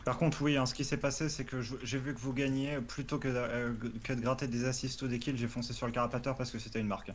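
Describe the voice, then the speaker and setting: A man chatting with teammates during an online game, calmly explaining tips. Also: mid-range voice, quick pace, few pauses, a little hiss or hum. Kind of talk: casual gaming chat.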